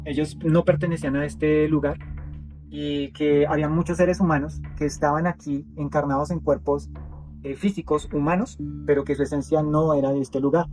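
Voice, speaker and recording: Man, interview guest, slightly high voice, halting telling with lots of "eh" and restarts, music bed underneath. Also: fairly even intonation, darkish tone. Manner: hesitant, with many fillers and repeated words. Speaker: interview guest sharing a testimony. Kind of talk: casual first-person storytelling. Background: music playing under the voice.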